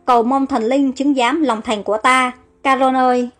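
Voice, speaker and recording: A woman's voice: sits high, steady tone, moderate pace, fairly bright tone. A woman voicing a devoted young male pharaoh in an audio story, speaking in an urgent, commanding way.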